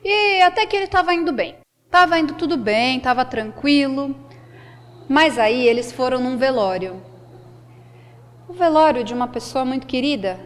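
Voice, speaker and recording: A woman telling a folk tale aloud with expressive delivery, dramatic pauses and a shifting pace. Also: sits high, big-room sound. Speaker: storyteller. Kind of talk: oral folk-tale storytelling.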